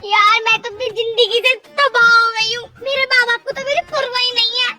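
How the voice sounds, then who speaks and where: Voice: very high voice, flat delivery, a little fast, over loud music. A performer playing a dramatic teenage girl who whines that her parents will not marry her off. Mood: whiny. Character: impatient teen girl desperate to marry. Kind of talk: comedy skit acting.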